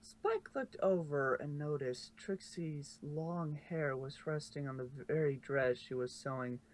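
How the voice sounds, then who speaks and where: A man with a fairly high-pitched voice narrates fanfiction in an unhurried, informal storybook read-aloud, stumbling and correcting himself now and then. It's a noisy home recording.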